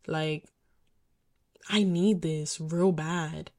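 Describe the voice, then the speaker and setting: A woman's voice: sits low, steady tone, extremely slow, darkish tone. A young woman candidly telling a personal story as a podcast host, emphatic and swearing often.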